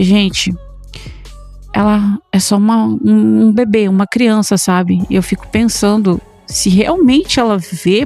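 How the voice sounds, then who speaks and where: A woman with a Brazilian accent tells a personal supernatural account about her young daughter in a halting, conversational way full of fillers. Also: fairly high pitch, gravelly, a little mellow. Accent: Brazilian Portuguese. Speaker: mother telling a personal account.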